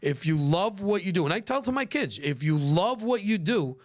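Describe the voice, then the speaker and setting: This is a middle-aged man with a strong Brooklyn accent and a voice pitched a little higher than most men's. He talks casually, as a podcast guest would. His delivery is brash and emphatic, sprinkled with swearing. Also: very animated, normal speed. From Brooklyn, New York. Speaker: podcast guest, pizzeria owner.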